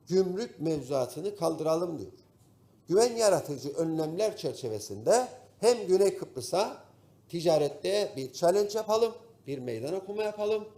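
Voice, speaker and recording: A man with a Turkish Cypriot accent giving a formal speech to parliament from the rostrum microphone, pausing often with drawn-out fillers. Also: a little high, mellow. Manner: formal, addresses colleagues, pauses with drawn-out fillers. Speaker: member of parliament. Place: parliament chamber. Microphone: podium microphone at the parliament rostrum.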